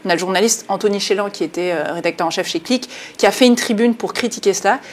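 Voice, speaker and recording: A woman author giving a studio interview, speaking earnestly at a middle pitch. She often stops and restarts mid-sentence and leans on fillers as she searches for words. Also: fast talker. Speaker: journalist and author, interview guest.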